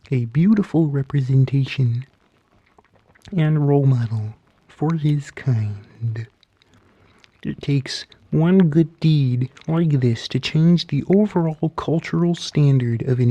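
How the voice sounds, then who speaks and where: A performer voicing an excitable, gentle male puppet frog as a hairdresser in a soft, soothing, halting ASMR roleplay. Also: medium pitch, no room sound, muffled recording. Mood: proud, earnest. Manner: soothing, fussy, halting murmur with oohs and hmms.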